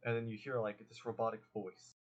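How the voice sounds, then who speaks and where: A man narrating as game master in a casual, halting way with many fillers. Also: lowish voice, flat delivery, muffled recording.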